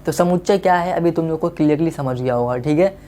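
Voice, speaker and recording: A man's voice: fairly high pitch, quick pace, dark tone. A male teacher gives a casual online maths lesson, coaxing his students and often checking that they have understood.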